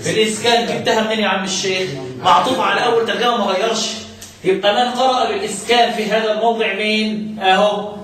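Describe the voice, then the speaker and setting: A man with an Egyptian Arabic accent teaching Quran recitation in a classroom lesson, quizzing his students and chanting lines of verse slowly. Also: sits high, fairly even intonation, fairly bright tone. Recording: very echoey room, far from the mic.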